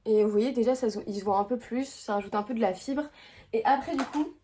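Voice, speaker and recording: A woman's voice: a little high, fairly quick, dark tone. A young woman casually chatting through her makeup routine at home, rambling and slangy with lots of fillers and restarts. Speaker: beauty vlogger. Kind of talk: casual makeup vlog chat. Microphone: camera mic.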